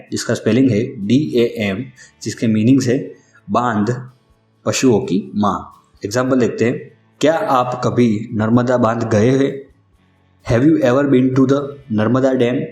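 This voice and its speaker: Guy doing a slow vocab lesson, spells stuff out letter by letter, mid-pitched voice, roomy echo, soft music under it. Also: fairly even intonation. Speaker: English vocabulary teacher. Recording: echoey room with faint music underneath.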